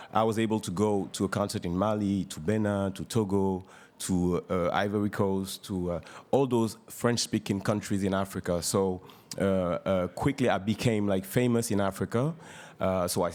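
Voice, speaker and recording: A man from Senegal speaks as a guest on a live radio show, talking casually about his music. His voice sits a bit low and he pauses often, filling gaps and restarting his sentences. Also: a little mellow. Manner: halting, many fillers and restarts. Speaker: rapper guest. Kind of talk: casual interview talk. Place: live radio session at an event.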